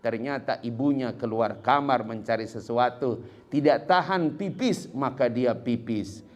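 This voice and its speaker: A male preacher giving an impassioned sermon, often rising to a shout. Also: mid-range voice, measured pace.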